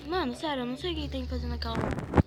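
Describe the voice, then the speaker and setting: A woman with a Brazilian accent, hoarse and stuffy-nosed, thinking aloud as she guesses through a quiz game, with mild swearing. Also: high-pitched, racing, very noisy. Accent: Brazilian Portuguese. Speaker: gaming channel host. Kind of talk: casual gameplay commentary.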